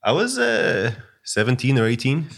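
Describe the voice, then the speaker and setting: A man's voice: mid-range voice, sing-song, moderate pace, vocal fry, a bit bright. A man, a guest chatting casually and hesitantly, with many fillers and restarts. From Russia. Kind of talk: casual interview chat.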